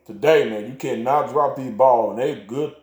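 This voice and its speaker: A man's voice: medium pitch, normal speed, darkish tone. A man co-hosting a casual sports chat, easygoing and often laughing at his own picks. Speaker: co-host making game picks. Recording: echoey room.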